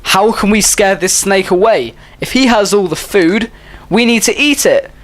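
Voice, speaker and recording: Man doing eager squeaky toy friends. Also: moderate pace, close to an everyday voice. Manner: bright, eager questioning.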